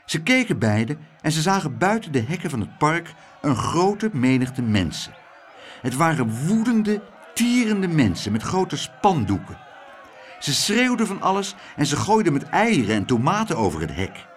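A man reading a children's storybook aloud in an expressive, animated storytelling way. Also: fairly high pitch, moderate pace, a little hiss or hum. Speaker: narrator.

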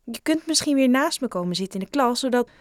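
A woman's voice: a little high, lively intonation, fast, no room sound, clean studio sound, pitched above the performer's own voice, lightly acted. A woman voicing a timid, lonely schoolboy who speaks hesitantly in a read-aloud story.

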